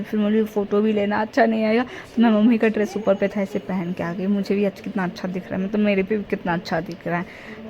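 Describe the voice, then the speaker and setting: A woman's voice: mid-range voice, warm tone, dull audio. A young woman vlogger chatting casually and rambling through a family story. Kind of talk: casual family vlog narration. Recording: faint background noise.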